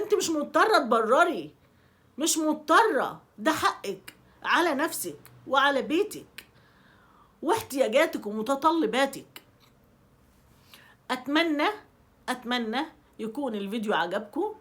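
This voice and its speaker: A woman's voice: high-pitched, expressive, normal speed, pauses often, fairly bright tone. A middle-aged woman with an Egyptian Arabic accent giving emphatic self-help advice to women, repeating her key phrases and acting out little examples. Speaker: self-help video host. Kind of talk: advice talk to women viewers.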